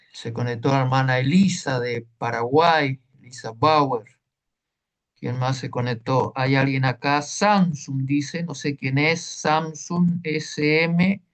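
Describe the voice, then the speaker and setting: A man teaching a Hebrew class online, explaining patiently and checking in with listeners as he goes. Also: medium pitch.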